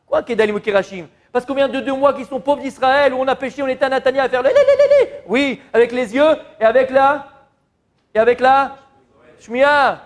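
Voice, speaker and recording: Casual: rabbi doing a torah lesson, high voice, lively, asks the room questions. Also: male voice, brisk. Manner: questioning the audience, animated teaching.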